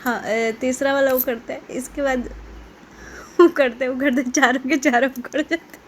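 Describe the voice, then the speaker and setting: A woman's voice: sits high, steady tone, normal speed, a little hiss or hum. A woman casually retelling a drama plot, chatting along and laughing at the funny parts. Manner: chatty, quotes characters, breaks into laughter.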